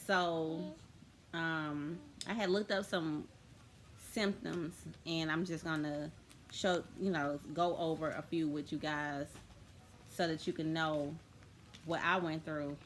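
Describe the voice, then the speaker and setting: A woman talks casually to her viewers. She rambles, restarts and fills gaps with "um" and "like". A faint hum sits behind her voice. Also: low-pitched. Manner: rambling, chatty, with many fillers and restarts. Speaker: vlogger. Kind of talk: casual spiritual vlog talk.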